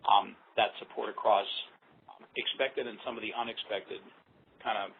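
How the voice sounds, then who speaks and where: A man's voice: fairly low pitch, fairly even intonation, normal speed, vocal fry. A man speaking as a fight promoter on a conference call, emphatic and repetitive in corporate phrasing. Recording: tinny phone line, faint noise.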